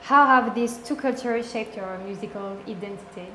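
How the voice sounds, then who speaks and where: A woman's voice: on the high side, normal speed, bright, forceful tone. A woman interviewer asking questions and giving brief encouraging responses. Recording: echoey room, faint noise.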